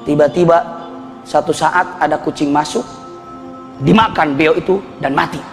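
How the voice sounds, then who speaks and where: Middle-aged male preacher, high-pitched and animated, in an echoing hall with faint music behind. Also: normal speed. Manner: animated, jumps high in pitch for emphasis, laughs often. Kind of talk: lively sermon with stories.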